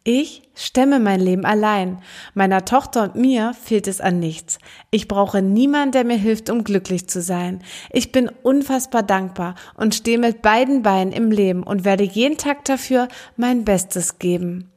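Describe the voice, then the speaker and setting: A woman's voice: medium pitch, a little slow, a little mellow. Earnest woman reciting a personal text. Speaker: podcast host. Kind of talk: reading a rhymed personal text.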